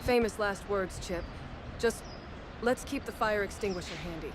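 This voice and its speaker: A woman's voice: medium pitch, normal speed, noisy background, close to an everyday voice. A woman playing a practical, skeptical adventurer in a fantasy comedy, wry and exasperated. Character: practical, skeptical, dryly sarcastic female adventurer. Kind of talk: scripted fantasy comedy dialogue.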